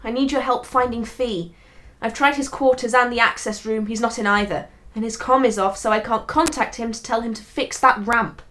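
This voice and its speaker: Woman playing a high-voiced, brisk research base woman. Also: steady tone, fairly bright tone, lightly acted. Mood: brisk, exasperated. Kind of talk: audio drama acting.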